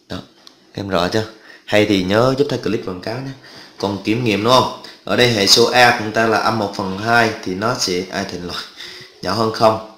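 Guy teaching math, lowish voice, chatty, keeps asking if you got it, echoey room. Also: fairly bright tone. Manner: chatty, asks students checking questions often. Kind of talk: casual spoken math lesson.

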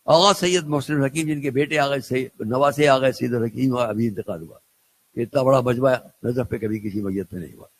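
An older male cleric from India speaks in a gravelly, creaky voice at a middling pitch. He tells stories in a religious lecture, repeating key phrases to drive them home. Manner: storytelling, repeats phrases for emphasis. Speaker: Shia cleric and scholar.

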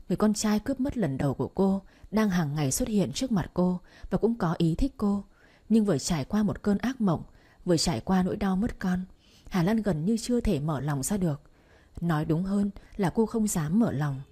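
A woman narrating a bedtime story at an even, unhurried pace. Her voice is low and mellow, with a soft breathiness. Calm and steady throughout. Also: husky.

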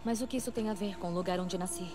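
A woman's voice: medium pitch, quick pace, lightly acted. A woman playing a young outcast huntress in a dubbed video game, earnest and questioning, with a Brazilian accent. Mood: puzzled. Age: young adult. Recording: loud game music behind.

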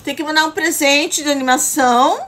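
A woman's voice: high-pitched, fairly even intonation, fairly quick, fairly bright tone, slight background noise. A woman hosting a live stream, effusively thanking viewers for gifts and chatting casually.

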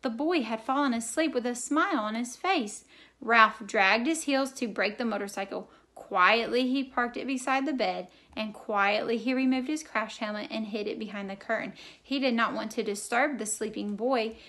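A teacher reading a children's book aloud with steady, expressive storytelling. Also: female voice, fairly high pitch, normal speed.

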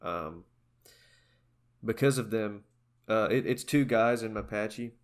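A man's voice: lowish voice, slow. A young man co-hosting a podcast, chatting casually about records and bands with lots of fillers. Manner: rambling, relaxed, many fillers. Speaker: podcast co-host. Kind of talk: casual chat.

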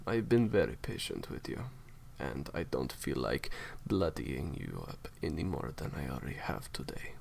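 In an audio roleplay drama monologue, a man voices a cold, menacing captor, a courteous villain who delivers formal, theatrically polite threats in a quietly threatening mood. His very deep, gravelly, darkish voice swings widely in pitch at normal speed, exaggerated and with hardly any pauses.

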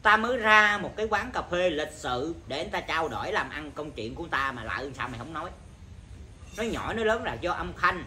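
A Buddhist monk teacher giving an informal dharma talk, blunt and scolding, with a naturally loud voice. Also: male voice, fairly high pitch, expressive, fast, a little hiss or hum.

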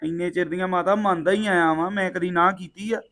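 A man's voice: high voice, steady tone, brisk, fairly bright tone. An actor playing a defiant, hot-tempered young man with a Punjabi accent, arguing with his mother. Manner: defiant, sulky, angry. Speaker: son.

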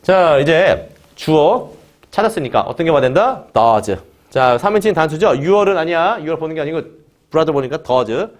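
A man teaching English grammar in Korean, his voice sitting a little on the high side. He opens almost every phrase with a short "자" and keeps firing questions at his students. He has them repeat key words back to him as he works through each example. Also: animated, measured pace. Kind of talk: online grammar lesson.

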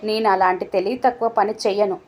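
A woman's voice: mid-range voice, fairly even intonation, fast talker, close to an everyday voice. A woman reading a grumpy, taunting old father. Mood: bitter taunting. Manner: scolding, taunting. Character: grumpy suspicious old father, sharp-tongued.

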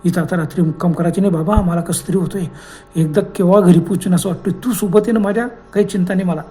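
A man voicing a shaken rickshaw driver snaps short, insistent orders in a fairly high, mellow voice. He sounds tense and set on keeping going, in a spoken village horror tale. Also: fairly even intonation, fast talker, soft background music, lightly acted. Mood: frightened. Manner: curt, insistent. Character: frightened young male rickshaw driver.

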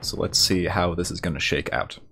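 A man hosting a let's play, commenting and reading the game's story text aloud in a relaxed way. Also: deep voice, a little fast, a little hiss or hum. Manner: relaxed, reads narration at an even clip.

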